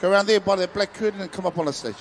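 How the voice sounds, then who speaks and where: A man's voice: sits high, very fast, big-room sound, a little hiss or hum. A man with a Māori New Zealand accent hosting a live stage event, playful and informal as he calls out to the audience. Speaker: festival stage host.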